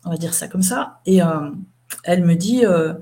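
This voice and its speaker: A woman's voice: lowish voice, normal speed, warm tone. A middle-aged woman, an interview guest, chatting casually as she recounts events and quotes what people said.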